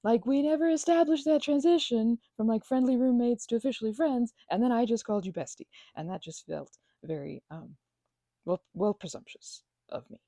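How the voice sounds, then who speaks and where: In an ASMR roleplay, a woman talks to the listener as her roommate, rambling hesitantly with many fillers and stammered restarts and sometimes sinking into a soft whisper. Her husky, gravelly voice has a mellow, dark tone yet sits fairly high in pitch, animated and at normal speed. She's close to the mic in a dry, dead room, on a dry recording.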